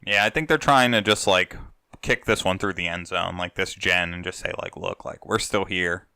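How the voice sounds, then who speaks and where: A man's voice: low-pitched, moderate pace, pushed and bright, clean tone, dry recording, clean studio sound. A young man co-hosting a casual gaming podcast, joking and swearing casually. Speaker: podcast co-host.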